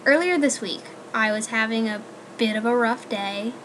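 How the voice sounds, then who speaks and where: A woman's voice: fairly high pitch, moderate pace, fairly bright tone, a little hiss or hum. A young woman, a college student, chatting casually to her viewers in a rambling way full of fillers. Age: young adult. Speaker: student vlogger. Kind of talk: casual chat to camera.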